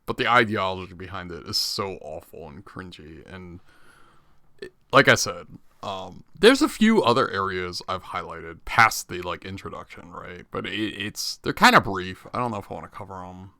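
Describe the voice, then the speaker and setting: A man's voice: low voice, animated, normal speed, bright, forceful tone, no echo, studio quality. A man giving a casual, rambling spoken critique with an exasperated manner. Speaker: podcast host reviewing a game.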